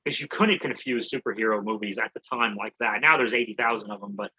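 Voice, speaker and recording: A man with a very bright, husky voice co-hosts a comedy podcast in a loose, profane ramble. He laughs often and circles back on himself as he talks. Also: on the low side, fast, highs cut off. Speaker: podcast co-host. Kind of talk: casual comedy chat.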